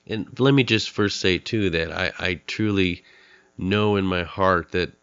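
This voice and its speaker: A man's voice: low voice, fairly bright tone, smooth, no room sound, highs cut off. A middle-aged man hosting a podcast, speaking earnestly and candidly with a nasal, stuffed-up voice from a cold. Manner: earnest, candid, pauses with fillers. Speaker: podcast host. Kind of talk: podcast monologue introducing a guest.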